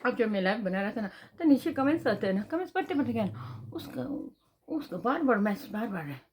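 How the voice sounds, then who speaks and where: A woman's voice: on the high side, sing-song, fairly quick, darkish tone, a little hiss or hum. A Tibetan woman with a Tibetan accent, telling a personal story in a chatty vlog, repeating phrases and tagging questions as she goes. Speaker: vlogger.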